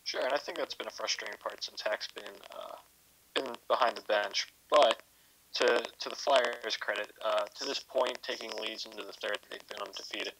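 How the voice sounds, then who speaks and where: Male co-host, lowish voice with a bright edge, analytical and stammering, faint hiss behind. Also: steady tone, normal speed, poor audio. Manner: analytical, stammers on repeated words. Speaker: podcast co-host. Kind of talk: casual sports analysis.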